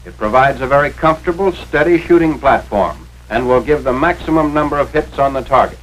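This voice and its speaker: Here a brisk, medium-pitched American male narrator reads a scripted 1940s instructional film. He teaches step by step with authority and careful enunciation. The audio is a noisy 1940s film soundtrack with a radio-like quality.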